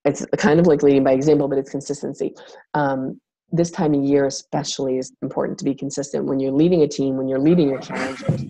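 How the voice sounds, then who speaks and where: A woman with a low, gravelly, husky voice that sounds like she is losing it. She talks casually to her team and rambles with plenty of fillers. Her tone is dark and mellow. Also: steady tone, fast talker, poor audio. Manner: rambling, filler-heavy, acts out quotes with big pitch jumps. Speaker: team leader of fitness coaches. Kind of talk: casual talk on a team call.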